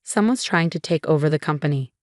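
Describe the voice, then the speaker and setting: A woman's voice: low voice, brisk, no room sound, studio quality, lightly acted. A woman voicing a panicked male business partner with a trembling voice, in a storybook narration. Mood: frantic.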